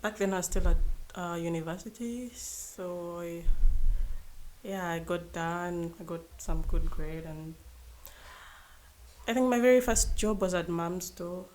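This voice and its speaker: A young woman guest in a casual podcast conversation, pausing and restarting as she talks. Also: fairly low pitch, a little mellow, a little hiss or hum. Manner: hesitant, restarts often.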